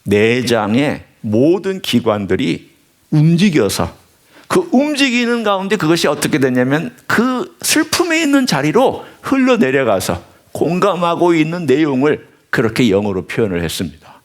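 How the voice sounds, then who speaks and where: A man's voice: sing-song, normal speed. Impassioned Korean-speaking male pastor preaching. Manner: emphatic preaching, swinging from low asides to high impassioned peaks. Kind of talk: sermon.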